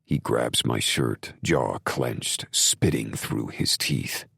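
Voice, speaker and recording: A man narrates a gothic audiobook in the first person with a brooding, intense delivery. His voice is extremely deep and gravelly with a husky edge, and he takes his time. The recording is dry and close. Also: slow, pushed and bright, dry recording.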